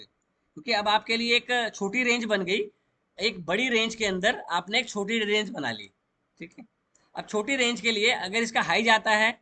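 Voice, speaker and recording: Bright-voiced man teaching chart trading. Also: high voice. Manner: explains step by step, mixing English trading terms into Hindi. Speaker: stock market trading educator. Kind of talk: chart walkthrough lesson.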